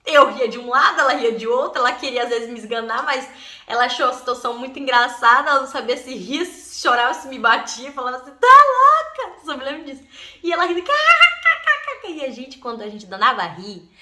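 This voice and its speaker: A young woman tells a childhood story in a lively vlog, laughing often and slipping into her relatives' voices. Her voice is high and bright. The room around her is echoey. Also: fast talker. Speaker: vlogger. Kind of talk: animated storytelling about childhood.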